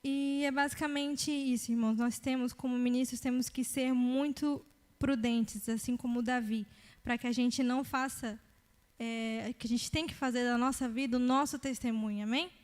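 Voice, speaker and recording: A woman calmly wrapping up a point for a church workshop audience. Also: fairly high pitch, moderate pace, in a large hall.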